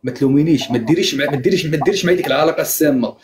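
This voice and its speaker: Rapid-fire Moroccan man arguing. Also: on the high side. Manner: insistent, repeats himself, keeps demanding to be heard. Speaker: live streamer. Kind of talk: heated argument on a live stream.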